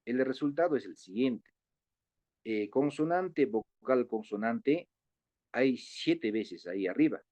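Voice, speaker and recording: A man's voice: medium pitch, animated, slow, darkish tone, no echo. A man teaching an online class, patiently spelling out syllables with many filler sounds. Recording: dull, lo-fi online class audio.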